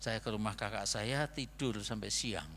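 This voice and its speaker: A man's voice: fairly low pitch, moderate pace, bright, forceful tone, slight background noise. An older man with a Javanese accent, a pastor telling a story in a chatty, rambling sermon that keeps trailing off on fillers. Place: church hall. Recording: long church hall reverb.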